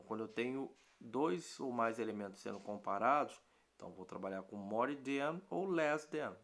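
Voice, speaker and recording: A middle-aged Brazilian man teaching an English grammar lesson in Portuguese, patient, repeating points and often checking with a quick question. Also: mid-range voice, gravelly, fairly bright tone. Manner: slows down to spell out English terms. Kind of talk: recorded online grammar lesson.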